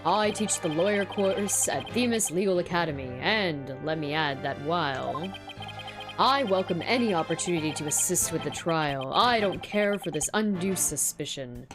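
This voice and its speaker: A woman's voice: on the low side, lively intonation, moderate pace, music in the background, natural voice. A woman playing a pompous, long-winded male law school professor with a formal, speechifying delivery in a video game read-aloud. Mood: stiff, formal.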